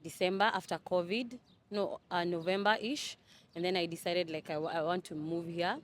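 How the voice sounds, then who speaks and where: A woman's voice: lowish voice, fairly even intonation, normal speed. A young woman from Kenya answering interview questions casually, hesitant with many fillers and restarts. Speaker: interview guest. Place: Dubai.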